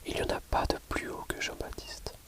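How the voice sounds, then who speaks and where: A reader giving a whispered ASMR audiobook reading of scripture in a hushed library whisper, measured, pausing between short phrases.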